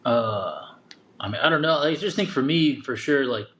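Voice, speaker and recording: Regular-voiced dude chatting easy on a podcast, lots of slang. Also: male voice, medium pitch, animated, normal speed, a bit bright. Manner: laid-back slang, "dude" and "man". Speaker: guest father. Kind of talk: casual interview chat.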